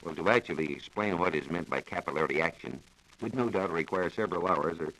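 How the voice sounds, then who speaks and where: On a vintage 1940s radio broadcast, an American male reporter delivers a formal, precise, scripted science explanation. His voice sits low and a little bright, the pace is slightly fast, and the recording is rough.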